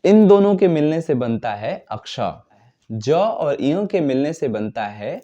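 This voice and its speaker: A man teaches grammar at an unhurried pace, his pitch rising and falling freely. His voice is mellow and dark. The recording sounds dull and lo-fi. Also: big pitch swings. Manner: explains slowly, repeats terms, recites letters one by one. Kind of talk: grammar lesson.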